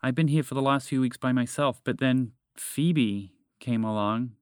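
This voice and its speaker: A man voicing a shaken, earnest father in a children's story, talking in a halting way. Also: medium pitch, clean tone, no room sound, clean studio sound, close to an everyday voice.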